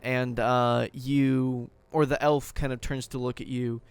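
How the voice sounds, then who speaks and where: A man's voice: medium pitch, little pitch movement, unhurried, clear, resonant tone. A man narrating a tabletop game as game master, loose and full of fillers.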